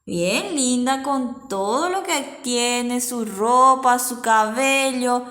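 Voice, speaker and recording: A woman's voice: on the high side, slow pace, fairly bright tone, echoey room. A woman teacher gives a patient children's language lesson, repeating words for practice.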